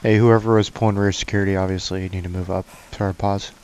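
A squad leader in a shooter game gives clipped orders over voice chat, using military radio procedure. His voice sits low with a level, darkish tone, and the sound is lo-fi. His commands are brisk and matter-of-fact.

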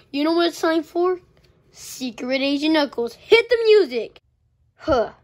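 A hot-headed male echidna plush, played by a woman in a homemade toy adventure. The voice sits high and breaks into dramatic shouts and wails. Boastful and quick to get upset. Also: slight background noise.

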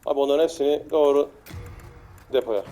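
Young male gamer, mellow tone, slightly high voice, exasperated running commentary over faint music. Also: a little fast. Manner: exasperated, swears and laughs at glitches. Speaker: gameplay streamer. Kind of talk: funny moments gameplay commentary.

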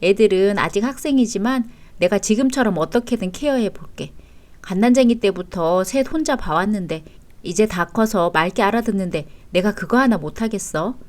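Calm sharp-tongued woman storyteller. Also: medium pitch. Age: 40s. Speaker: story narrator. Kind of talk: storytelling read-aloud.

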